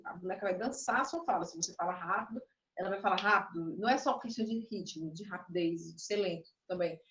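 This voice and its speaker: A woman's voice: medium pitch, a bit bright. A woman teaching a puppetry class online, explaining and demonstrating, a little nervous. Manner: explanatory, demonstrative, self-interrupting. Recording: echoey room, voice from afar.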